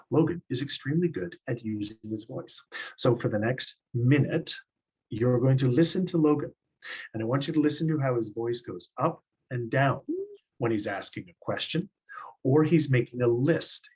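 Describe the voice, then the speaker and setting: A man teaching public speaking, his voice slightly husky and sitting in a middle register. He walks students through each point step by step in an encouraging classroom manner. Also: mid-range voice, moderate pace, a little mellow, rough recording. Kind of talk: classroom instruction.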